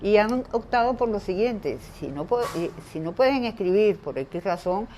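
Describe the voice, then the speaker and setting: Older woman, thoughtful and mellow. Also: medium pitch, animated, dull audio, a little hiss or hum. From Venezuela. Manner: thoughtful, pauses to search for words. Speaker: interview guest. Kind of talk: reflective conversation.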